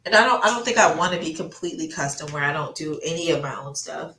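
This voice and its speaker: Painting on a livestream, a stuffy-nosed woman breathing through her mouth rambles and thinks aloud in casual chat. Her low-pitched voice is expressive, quick, pushed and bright, heard in a roomy, echoey space.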